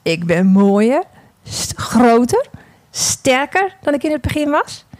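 A woman's voice: a little high, big pitch swings, slow pace, a little mellow, no echo, pitched above the performer's own voice. A woman voicing a fragile, emotional clay vase that cries out in a storytelling sermon. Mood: grateful. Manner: pleading, cries out.

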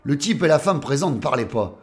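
A man's voice: mid-range voice, animated, a little fast, faint music behind. Wry man narrating a crime story. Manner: wry, coarse slang. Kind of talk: scripted narration of a detective story.

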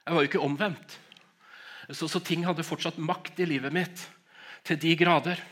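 A man's voice: on the high side, fairly even intonation, a bit bright. A middle-aged man preaching and telling his own conversion story, with emotional storytelling, stammering restarts and frequent laughs. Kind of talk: sermon with personal testimony.

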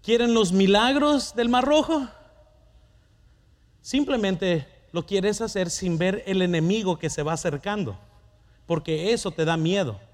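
A man's voice: sits high, measured pace. A middle-aged man preaching a sermon, telling a personal story and asking the congregation questions.

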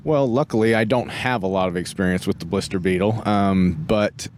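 Low-voiced, halting male expert guest. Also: darkish tone, slight background noise. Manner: halting, searching for words. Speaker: veterinary doctor guest. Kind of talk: unscripted interview answers.

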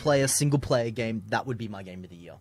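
A man co-hosting a podcast, chatting casually in a halting way and often repeating his phrases. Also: lowish voice, animated, a crowd in the background. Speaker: podcast co-host. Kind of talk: casual chat.

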